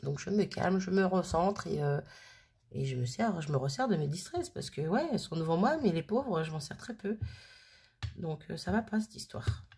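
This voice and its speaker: A woman's voice: on the low side, expressive, moderate pace, gravelly, darkish tone, breathy edge. A woman hosting a casual crafting video who chats and thinks aloud with plenty of fillers. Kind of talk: casual crafting tutorial chat.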